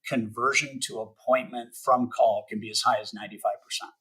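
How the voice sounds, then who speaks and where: A middle-aged man giving motivational sales advice as a podcast guest, speaking emphatically and slowing down to stress his key points. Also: medium pitch, steady tone, pushed and bright, slightly rough, low-quality recording. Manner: emphatic, spells out acronyms slowly, acts out sample calls. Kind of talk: podcast interview, motivational teaching.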